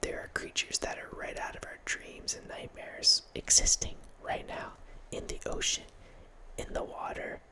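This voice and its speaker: On his ASMR channel, a thirty-something man gives a loose, unvoiced whisper ramble about a horror movie, often restarting phrases and laughing quietly, at a normal speed. He's right up against a large studio mic with headphones on in a small home room. It sounds intimate, though the recording quality is low.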